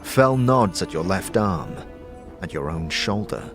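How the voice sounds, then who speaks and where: Over background music, a man narrates a scripted fantasy audio drama in the second person like a game master, also voicing the lead character. His voice sits low and fairly bright, animated but a little slow.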